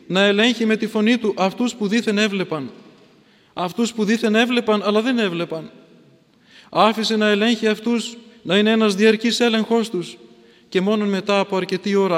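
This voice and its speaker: A man preaching a sermon in a church, with insistent, repetitive oratory that builds through refrains. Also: high-pitched. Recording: long hall reverb.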